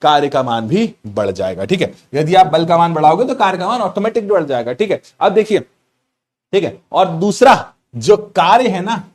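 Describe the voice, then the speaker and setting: Playful higher-voiced male physics teacher. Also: sing-song, moderate pace. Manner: playful, repeats key points, addresses students as children. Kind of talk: online class lecture.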